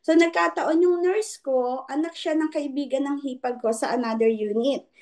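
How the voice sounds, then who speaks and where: A woman in her fifties, a nurse, telling an emotional personal testimony with vivid storytelling and many pauses. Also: high voice, a little mellow. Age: 50s. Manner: vivid storytelling, acting out dialogue with frequent pauses. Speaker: guest sharing a testimony.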